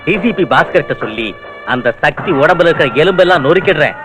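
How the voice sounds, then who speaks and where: An actor playing a scheming male politician who plots with a gangster, over loud film music. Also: on the high side, lively intonation, quick pace, close to an everyday voice. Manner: conspiratorial, plotting. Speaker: minister.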